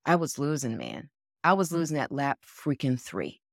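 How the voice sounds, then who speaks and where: A woman in her forties with a low, deep speaking voice tells a personal story on a podcast. She is frank and animated, swears now and then and acts out other people's words. The sound is dry, with no room echo. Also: normal speed, gravelly. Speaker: podcast co-host. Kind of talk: casual storytelling.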